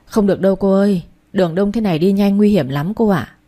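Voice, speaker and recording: A woman's voice: mid-range voice, quick pace, dark tone, lightly acted. A woman voicing a cautious older male taxi driver in a story reading. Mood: firm.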